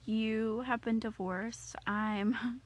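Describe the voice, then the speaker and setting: A woman's voice: on the high side, steady tone, drawn-out words, dull audio. A woman co-hosting a podcast, playful and teasing but earnest when she turns serious. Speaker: podcast co-host. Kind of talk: casual chat.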